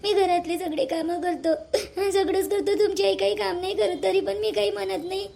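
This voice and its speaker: A woman's voice: extremely high pitch, steady tone, fairly quick, creaky, warm tone. A woman, playing a young wife who sobs and complains that her mother-in-law beat her. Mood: sobbing. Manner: sobbing, tearful complaining. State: crying. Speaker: actor in a family drama. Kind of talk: amateur family drama acting.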